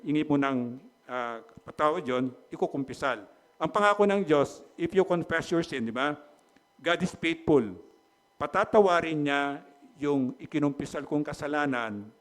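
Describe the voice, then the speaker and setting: A male pastor, giving a casual, joking sermon that keeps checking in with the congregation, then leading a prayer. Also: fairly high pitch. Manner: conversational, asks the congregation "di ba?" often; jokes lightly with the congregation.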